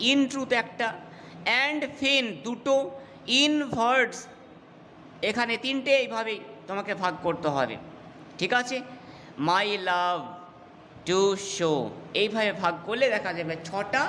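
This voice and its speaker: A man's voice: high-pitched, bright, forceful tone. A man, teaching a poetry lesson and often stopping to check that students follow. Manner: explanatory, checks understanding with repeated questions. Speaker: English teacher. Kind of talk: classroom lecture on poetry. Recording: reverberant room with faint ambient noise.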